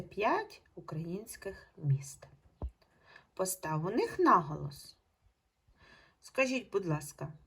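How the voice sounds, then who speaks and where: A woman teacher speaks slowly and patiently to young pupils, spacing out each instruction. Her voice is somewhat low and a little gravelly, and her pitch rises and falls with lively emphasis. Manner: slow, patient, clear instructions with pauses. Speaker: primary school teacher. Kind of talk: recorded online lesson for children.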